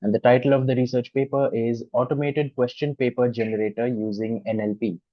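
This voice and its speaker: A man moderating a conference session online, speaking in a polite, formal way with hesitant pauses. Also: medium pitch, flat delivery, dry recording. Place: online video conference call. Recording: dull, dry online meeting audio.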